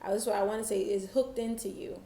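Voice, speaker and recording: A woman giving a tarot reading, talking slowly and reflectively straight to the viewer. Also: medium pitch, fairly even intonation, warm tone, roomy sound, a little hiss or hum. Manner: slow, reflective, channeling-style delivery. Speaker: tarot reader.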